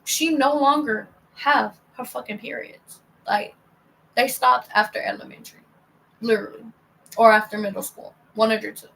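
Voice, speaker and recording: A woman's voice: a little high, lively intonation, normal speed, vocal fry, bright, forceful tone, poor audio. A young woman casually telling a personal story on a vlog, heated and profane, rambling with lots of fillers and restarts.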